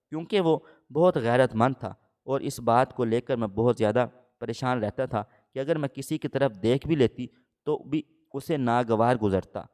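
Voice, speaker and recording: A man narrating a scripted story in the first person, with a steady, measured reading. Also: mid-range voice.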